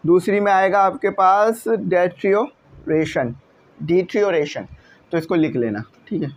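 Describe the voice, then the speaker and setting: High-voiced male teacher drilling words. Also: highs cut off. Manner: patient, repeats each word slowly to drill pronunciation. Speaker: English teacher. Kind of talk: classroom lesson walkthrough.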